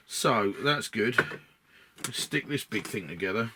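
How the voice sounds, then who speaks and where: A man's voice: fairly low pitch, expressive, a little slow, background noise. A man with an Essex accent talking casually through a model build, rambling as he thinks aloud. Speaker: hobby model-building video maker.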